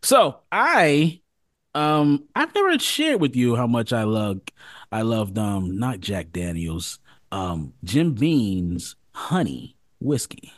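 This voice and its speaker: A man co-hosting a casual podcast, animated and quick to hype and laugh. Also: medium pitch, no room sound, studio quality. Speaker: podcast co-host.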